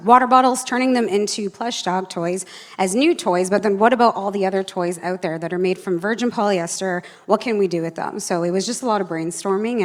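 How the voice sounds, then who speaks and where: A woman accepting an award onstage, candidly explaining how her idea began. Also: mid-range voice. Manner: candid and laughing. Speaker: award winner. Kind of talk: casual onstage interview. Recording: reverberant hall PA sound.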